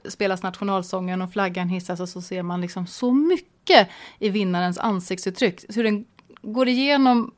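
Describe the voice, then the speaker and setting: A woman hosting a casual chat, lively and teasing, laughing often. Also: medium pitch. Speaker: host.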